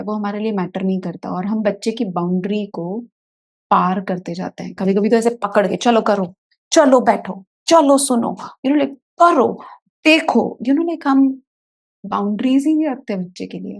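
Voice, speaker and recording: Mellow-voiced woman therapist telling a story. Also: mid-range voice, creaky. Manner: animated storyteller who acts out scenes. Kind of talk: casual video talk, telling a story from a workshop.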